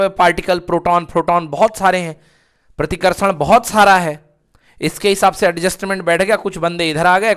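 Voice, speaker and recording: A man's voice: fairly high pitch, fairly bright tone, clean tone. A male physics teacher lecturing to students, repeatedly asking questions and answering them himself. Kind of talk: classroom lecture.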